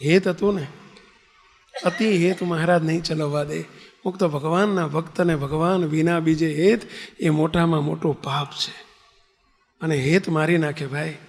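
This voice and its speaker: High-voiced preacher in a reverberant hall. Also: male voice, normal speed. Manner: lively storytelling, acts out quoted voices, frequent rhetorical questions. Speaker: religious leader preaching to devotees. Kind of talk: Gujarati sermon with parables. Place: large temple hall or compound. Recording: long reverberant hall sound.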